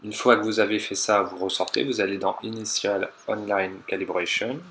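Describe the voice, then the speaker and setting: A man calmly walking viewers through a technical car procedure step by step, repeating instructions and hedging his own interpretation. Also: on the low side, moderate pace, a little hiss or hum. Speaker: car tech tutorial maker. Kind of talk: step-by-step voice-over tutorial.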